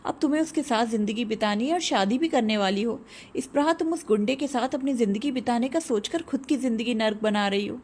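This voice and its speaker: Woman reading as a worried dad scolding his girl, kinda high voice. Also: a little fast, darkish tone, husky. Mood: angry. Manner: scolding, raising voice. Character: worried angry middle-aged father on phone.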